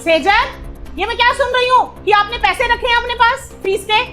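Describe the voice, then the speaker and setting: A strict, scolding school principal and mother, played by a woman with a very high voice. She talks sternly over clear background music in a comedy skit. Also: moderate pace.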